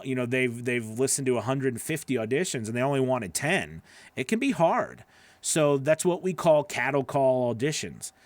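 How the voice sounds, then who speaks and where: A man around his forties, a livestream host and coach, chats casually in an animated, emphatic way while answering viewer comments. His medium-pitched voice comes through close on a boom-arm broadcast microphone, with no echo, in a small home studio lined with acoustic foam.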